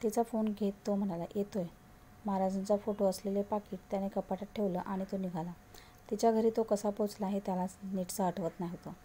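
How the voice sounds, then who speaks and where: A woman storyteller reading a story aloud in a measured, even manner. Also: medium pitch, a little hiss or hum. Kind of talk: read-aloud story narration.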